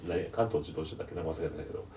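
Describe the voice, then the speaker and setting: A man's voice: very deep voice, very fast, dark tone, slight background noise. A man hosting a radio-style talk show, telling rambling anecdotes in casual chat. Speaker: podcast host.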